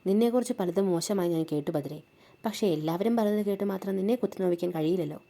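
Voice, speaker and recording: Woman reading as a kind middle-aged neighbor, gentle and advising, mellow dark voice. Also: mid-range voice, fast talker, close to an everyday voice. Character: kindly middle-aged village woman, sympathetic.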